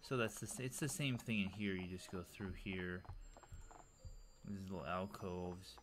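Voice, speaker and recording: Man, very low voice, loose enthusiastic game-tour commentary; hissy home recording. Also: steady tone, unhurried. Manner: rambling, filler-heavy, enthusiastic. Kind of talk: casual gameplay commentary.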